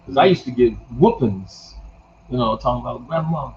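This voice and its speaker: A man in his sixties talks in a folksy, storytelling way and laughs at his own jokes. His voice sits at an ordinary middle pitch. The recording is a little muffled, with a faint hum behind him. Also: moderate pace. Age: 60s. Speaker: guest. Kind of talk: casual conversation.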